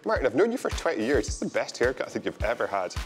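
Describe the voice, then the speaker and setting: A man's voice: medium pitch, big pitch swings, rapid-fire. A young adult man hosting a travel show, chatting casually and laughing often in a barbershop. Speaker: host. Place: indoor barbershop. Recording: music bed under speech. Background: background music.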